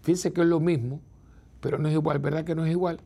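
A priest talks to his audience in a relaxed, reflective chat, with a gravelly, husky edge to a fairly high voice. His tone is dark and mellow, and he often repeats himself and checks in with short questions. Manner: unhurried and reflective, repeats words and adds tag questions. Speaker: priest hosting a program. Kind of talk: conversational talk to viewers.

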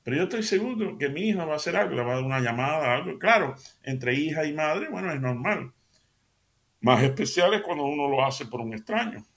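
A man giving a conversational radio sermon, speaking straight to his listeners and often pausing with fillers and restarts. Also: fairly high pitch, animated, a bit bright. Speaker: radio preacher.

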